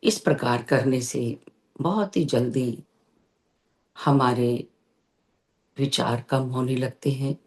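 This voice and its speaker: A meditation teacher with a medium-pitched voice leads a guided session, offering soft instructions separated by long pauses.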